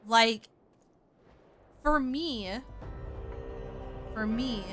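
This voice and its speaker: This gamer from the Southern United States talks very slowly in a highish voice, chatting and swearing with animation over faint background music. Her Southern accent is light, and the talk is casual stream chatter.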